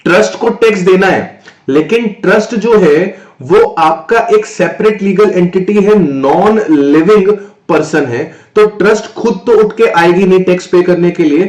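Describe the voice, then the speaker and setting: A man from northern India teaching a fast-paced tax lecture, mixing English terms into his Hindi and answering his own rhetorical questions. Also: high-pitched, darkish tone. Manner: asks rhetorical questions and answers them himself. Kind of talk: exam-prep classroom lecture. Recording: roomy echo.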